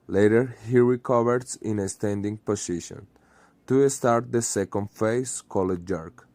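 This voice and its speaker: A man reads a prepared explanation in English at a slow, measured pace. His voice sits fairly low, and the recording is close and dry with no room sound. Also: darkish tone, no room sound. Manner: careful, reads in short phrases.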